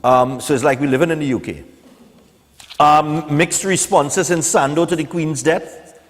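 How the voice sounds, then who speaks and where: Unhurried and fairly high-pitched, a man in his forties from Trinidad and Tobago hosts a morning TV show. In a reverberant, hall-like room, he chats casually and goes through the newspapers, opinionated and conversational, with "eh" and "you know" sprinkled throughout.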